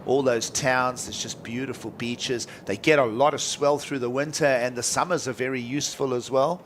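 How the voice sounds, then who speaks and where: A man's voice: medium pitch, fairly even intonation, normal speed, a little hiss or hum. Surf contest announcer, male, middle register. Colloquial, enthusiastic live sports commentary.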